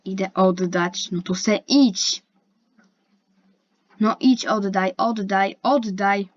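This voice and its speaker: A woman's voice: mid-range voice, fairly even intonation, takes it slowly, no room sound. A young woman giving casual, chatty commentary while playing an online game, complaining and talking to herself and the other players. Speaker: gaming youtuber. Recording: dull lo-fi mic with faint hiss.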